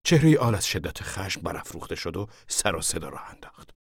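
A man narrating an audiobook in a measured, even reading. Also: low-pitched, breathy edge, no echo, clean studio sound.

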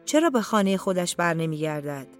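A narrator voicing a disheveled, desperate male shepherd who asks bewildered, pleading questions in a raised, louder voice. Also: mid-range voice, big pitch swings, soft background music, close to an everyday voice. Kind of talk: audiobook character reading.

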